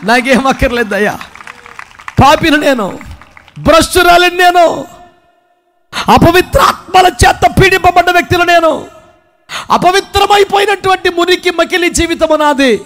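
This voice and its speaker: A man preaching in the voice of a grieving, repentant woman disciple, giving impassioned first-person testimony that rises to shouts. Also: very high-pitched, moderate pace, long pauses, voice pushed up. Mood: fervent.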